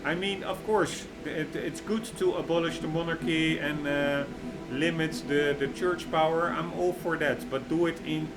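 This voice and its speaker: Over a loud bed of game music, a gaming video creator whose first language is Dutch reads out game lore with his own commentary. His voice is on the high side with fairly even intonation, and the audio is poor. He speaks haltingly, reaching for words with lots of fillers, and grows worked up over his strong opinions.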